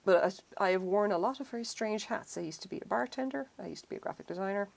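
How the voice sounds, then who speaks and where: A middle-aged Irish woman chats casually while crocheting on a live stream, rambling through self-deprecating asides. Her medium-pitched voice is gravelly, and she talks fast.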